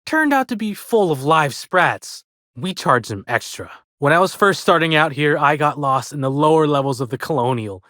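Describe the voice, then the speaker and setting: A man's voice: a little high, lively intonation, moderate pace, sharp tone, no room sound, studio quality. A man voicing a chirpy, chatty old-fashioned hotel bellhop in a video game, with a folksy American way of talking. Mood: chatty storytelling. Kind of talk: video game character dialogue.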